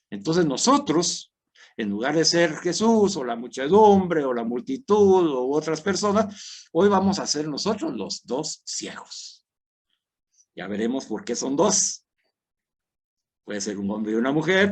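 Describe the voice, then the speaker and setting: A man leading his parish group through a scripture meditation, talking dramatically and moving between soft and loud, acting out the crowd's words. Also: a little high, gravelly, husky.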